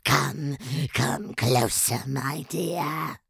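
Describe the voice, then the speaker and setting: An actor voicing a menacing, monstrous creature that taunts its prey in a raspy, theatrical villain's voice. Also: mid-range voice, extremely slow, fairly bright tone, no room sound, exaggerated voice. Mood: menacing, coaxing. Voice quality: gravelly, raspy. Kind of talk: villainous character voice lines.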